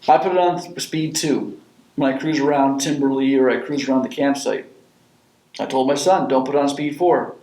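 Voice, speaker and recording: Man, 40s, panel guest, lively storyteller, roomy echo. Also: medium pitch, normal speed, far from the mic. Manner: animated storyteller, acts out quotes. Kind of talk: casual discussion. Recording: echoey room.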